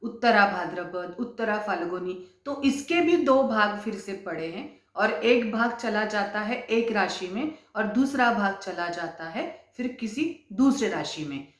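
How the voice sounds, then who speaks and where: Woman astrologer, steady explainer, mid-pitched voice, echoey room. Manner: measured, repeats key terms for clarity.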